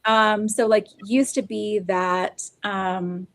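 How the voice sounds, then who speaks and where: A woman's voice: mid-range voice, steady tone, slow, vocal fry, fairly bright tone, no room sound. A woman co-hosting a casual podcast chat, talking in loose, rambling sentences full of fillers. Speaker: podcast co-host. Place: Oklahoma, US.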